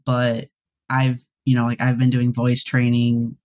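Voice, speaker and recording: A young man, a guest in a casual interview, talking with a dry, deadpan sense of humor and laughing often. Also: medium pitch, unhurried. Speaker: guest player.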